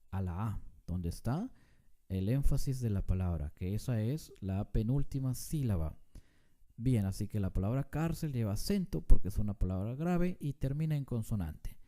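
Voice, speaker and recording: A man teaching a grammar lesson, speaking slowly and deliberately and stressing syllables to demonstrate them. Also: mid-range voice, dark tone.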